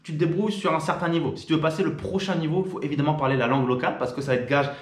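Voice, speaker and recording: Fast-talking chatty man, echoey room. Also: a little high, fairly even intonation. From France. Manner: chatty, informal, frequent fillers and restarts. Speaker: YouTuber. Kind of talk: casual direct-to-camera talk.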